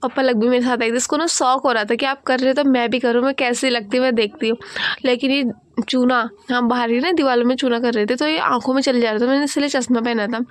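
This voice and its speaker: A woman's voice: fairly high pitch, fairly even intonation, fast talker, no room sound. A young woman chatting casually in a vlog voice-over, giggly and repeating words as she talks. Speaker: vlogger.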